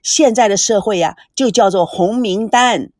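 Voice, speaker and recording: A woman's voice: medium pitch, a little mellow, dry recording, studio quality, close to an everyday voice. A woman voicing a chatty, teasing woman on a film crew who likes to needle her friends. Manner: chatty and teasing, lots of drawn-out particles.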